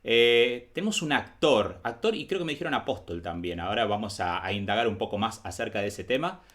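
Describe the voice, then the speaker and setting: A man's voice: on the low side, expressive, a little fast, fairly bright tone. A man hosting a faith interview show in an upbeat, welcoming way. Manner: upbeat, welcoming host patter. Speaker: host.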